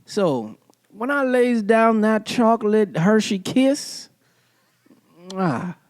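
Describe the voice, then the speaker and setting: A man's voice: high voice, very animated, slow, no echo, exaggerated voice. Man putting on a boastful lover type, drawling and sing-song, dry close sound. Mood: swaggering. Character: smooth-talking, boastful male lover persona. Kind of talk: improvised comedy bit.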